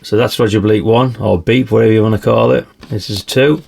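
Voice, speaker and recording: A man with a slightly croaky voice, chatting casually through a radio review and tossing in tag questions. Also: on the low side, fairly even intonation, fairly quick, background noise. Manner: chatty, adds tag questions like "isn't it, really?". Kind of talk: casual product demonstration.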